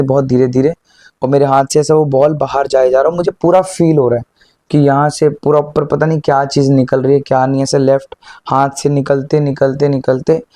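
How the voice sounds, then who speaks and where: A man tells his own story in an earnest, unhurried way, slipping English words into his Hindi. His voice is dark and mellow. The sound is dry and close, with no room echo. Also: mid-range voice. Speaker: devotee sharing a personal experience. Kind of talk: casual testimony.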